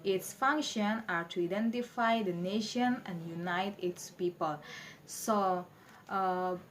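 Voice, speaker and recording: A woman's voice: mid-range voice, slight background noise. Indonesian student woman presenting. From Maluku, Indonesia. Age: young adult. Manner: halting, with many fillers. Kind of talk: class presentation.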